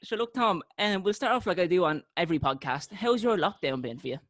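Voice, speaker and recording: A man's voice: high-pitched, expressive, fairly quick, a bit bright, no room sound. A man hosting a casual podcast, an eager interviewer who laughs easily. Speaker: podcast host.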